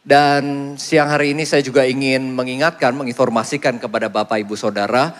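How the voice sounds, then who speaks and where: A man's voice: medium pitch, steady tone, brisk. Male church host in a reverberant hall. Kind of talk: church announcements after the sermon.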